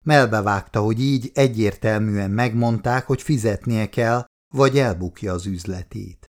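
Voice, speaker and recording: A man reading a novel aloud as an audiobook narrator, with expressive, animated delivery. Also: lowish voice.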